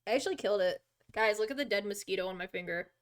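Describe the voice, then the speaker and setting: Chatting casually on a game livestream, a woman speaks at a medium pitch and a racing pace, with slight background noise. Her manner is hyped, slangy, and gamer-style, full of exclamations and giggles.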